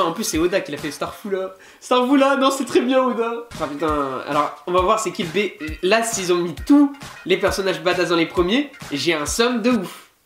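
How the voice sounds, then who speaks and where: A young man from France casually reacting to an online quiz, slangy and animated, swearing and grumbling as he talks. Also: high-pitched, a little hiss or hum. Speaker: YouTuber. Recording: roomy sound with music behind.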